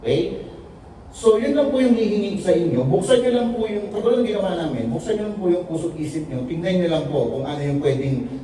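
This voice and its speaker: A man with a mellow, higher-pitched voice tells his story to an audience, joking and acting out the dialogue as he goes. He sounds distant, in a very echoey meeting room with faint background noise. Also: lively intonation, quick pace. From Philippines. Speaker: invited speaker at a business presentation. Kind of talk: testimonial speech to a seated audience.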